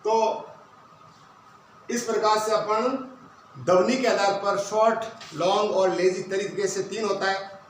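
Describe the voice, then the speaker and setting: Man, teacher, high voice, booming echo, heard from a distance, faint hum behind. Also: fairly even intonation, takes it slowly, pauses often. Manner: explains step by step, asks and answers his own questions. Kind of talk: classroom grammar lesson. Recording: very echoey room, voice from a distance.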